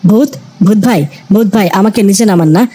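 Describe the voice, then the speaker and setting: A woman's voice: medium pitch, fairly quick, warm tone, natural voice. A woman voicing a panicky young man who poses as a healer, wailing and pleading. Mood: panicked pleading.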